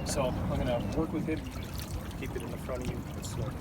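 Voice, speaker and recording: A man's voice: medium pitch, steady tone, fairly quick. A man coaching paddling outdoors, calling out short instructions. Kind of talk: hands-on coaching talk. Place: outdoors by the water. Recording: loud wind and water noise. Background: wind and water.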